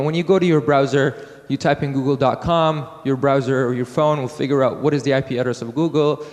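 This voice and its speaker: Casting note: mid-pitched man from Iraq, conference speaker, halting delivery, long hall reverb. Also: a little mellow. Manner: halting, many fillers and restarts. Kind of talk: technical conference talk.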